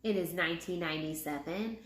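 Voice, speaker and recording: A woman's voice: on the low side, fairly quick. Tipsy, rambling woman in an echoey room. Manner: tipsy, rambling, repeating herself. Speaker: movie reviewer. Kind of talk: casual rambling film review chat.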